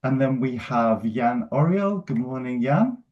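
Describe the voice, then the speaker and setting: A man's voice: medium pitch, lively intonation, measured pace, a little mellow, lo-fi sound. A man moderating a webinar on a video call, friendly as he introduces panelists and sometimes stumbles over their names. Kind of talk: hosting a webinar.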